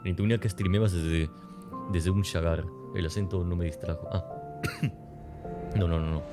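This young man has a low, steady voice and speaks at a moderate pace. Raised in Spain and Argentina, he games from his home streaming room, rambling, joking and reading chat aloud into a desk mic by his webcam, with game music behind him and a persistent cough breaking in now and then.

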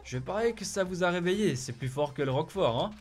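A man's voice: high voice, lively intonation, fast talker, soft background music. A man voicing a mocking robot bear headmaster, cruel and gleeful, in a theatrical, sing-song, taunting manner. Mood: gleeful menace.

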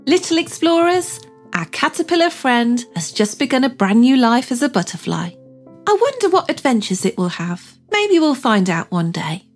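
A woman with a high, lively voice presents like a kids show host. She narrates a scripted lesson for young children, encouraging them and putting simple questions to them. Music plays behind her. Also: normal speed.

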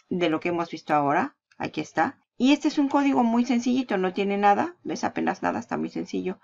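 A woman's voice: mid-range voice, creaky, dull audio. A woman hosting a screen-recorded marketing tutorial, chatty and upbeat, explaining step by step. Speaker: online marketing channel host.

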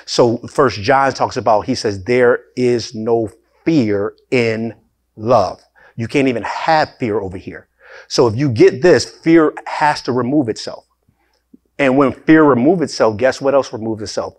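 A pastor preaching a sermon in an animated way, with sudden emphatic rises and laughing asides, speaking. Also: male voice, mid-range voice.

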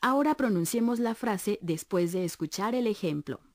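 A woman leads a radio language lesson with patient, encouraging explanations. Her voice moves up and down in a lively way. The studio recording is dry and close. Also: medium pitch, normal speed, dry recording. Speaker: Japanese language instructor on a radio course. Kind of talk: scripted educational narration.

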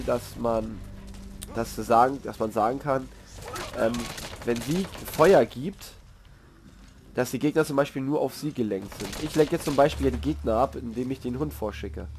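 Talking over his gameplay, a man who has a cold gives a loose, rambling review of a video game, dropping fillers and slang along the way. His voice sits at a medium pitch with a darkish tone.

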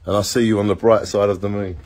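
A man's voice: lowish voice, flat delivery, fast, a little hiss or hum. Rambling man filming himself at home. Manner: rambling, upbeat, drifting into soft murmurs. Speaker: vlogger. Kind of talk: casual home vlog. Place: small home, indoors. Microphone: phone held at arm's length.

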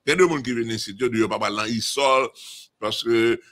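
A man's voice: mid-range voice, fairly quick, a bit bright. A man from Haiti with a Haitian accent, talking emphatically in a casual discussion and often repeating and restarting phrases.

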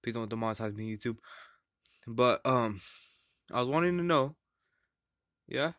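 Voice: mid-range voice, expressive, normal speed, a bit bright, dry recording, clean studio sound, natural voice. A performer voicing a dim-witted, laid-back male chef puppet in a plush comedy sketch, mumbling and trailing off hesitantly.

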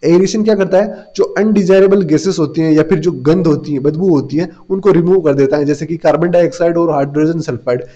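Man, engineering tutor, high but mellow voice, reads notes slowly, slightly dull recording. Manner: repeats "theek hai" often, reads English notes slowly, then explains; asks and answers his own questions. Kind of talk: classroom-style lecture.

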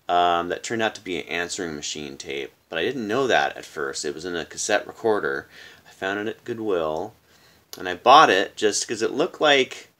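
A man's voice: low voice, fairly bright tone. A man in his forties chatting casually to the camera in a rambling way, recorded on a phone in a room at home. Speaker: vlogger. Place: small room indoors at home.

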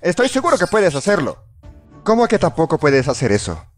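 Over background music, a man narrates a scripted comedy parody as a fandub narrator, sarcastic, exaggerated, and exclamatory. His voice sits on the high side with huge pitch swings and a slightly fast pace.

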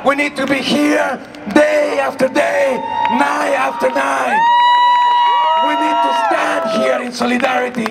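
At an outdoor city rally in front of a large building, a Chilean man shouts an impassioned, rallying protest speech, his voice worn from yelling. It's very high and sing-song, with a measured pace and vocal fry. A far camera in the crowd picks him up distantly over a noisy, cheering crowd.

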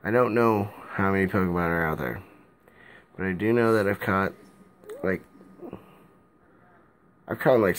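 Sitting low in pitch, a drunk young man rambles through a casual vlog rant, halting, loose, and repeating himself. He's recording on a phone held at arm's length in a small room at home.

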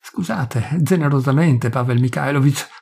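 A man's voice: medium pitch, animated, moderate pace, gravelly, darkish tone, breathy edge. A man voicing a poor young village priest, pleading and self-accusing in shame. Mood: anguished.

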